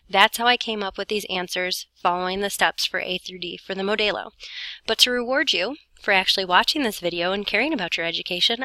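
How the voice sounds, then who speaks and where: A woman recording a Spanish grammar explanation guides students step by step in an informal way, correcting herself and breathing heavily, short of breath as she goes. Her mid-range voice is bright and forceful, and there is no echo.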